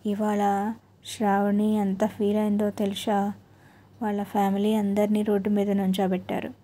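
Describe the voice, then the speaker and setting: A woman voicing a drunk, childish young husband in a storybook who talks slowly and sulkily. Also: mid-range voice, completely flat delivery, dark tone, natural voice. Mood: sulky.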